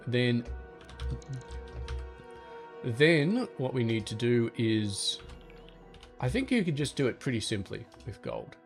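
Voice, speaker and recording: A man giving relaxed gameplay commentary, thinking aloud as he plans and talks to things in the game, with soft music behind him. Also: mid-range voice, slow pace, vocal fry, pauses often. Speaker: gaming channel host.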